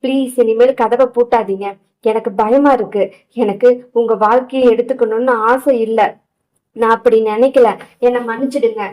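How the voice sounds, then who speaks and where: A woman reading an audio novel, voicing a frightened, tearful young wife who pleads in drawn-out words. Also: fairly high pitch, steady tone, a little mellow, lightly acted, rough recording. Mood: pleading.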